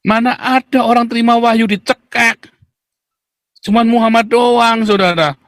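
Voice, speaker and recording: High-voiced mocking male debater. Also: steady tone, moderate pace, no echo, clean studio sound. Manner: mocking, theatrical, repeatedly addresses listeners as "saudara"; jumps into high shouted voices when mimicking critics. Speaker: religious debater addressing viewers. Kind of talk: polemic monologue to an audience.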